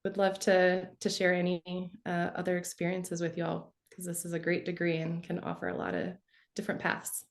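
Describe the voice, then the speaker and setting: Low gravelly woman on a zoom panel, relaxed, lots of ums. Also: moderate pace. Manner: relaxed, filler-heavy. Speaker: alumni panelist. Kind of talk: casual career talk on a video call. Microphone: video call.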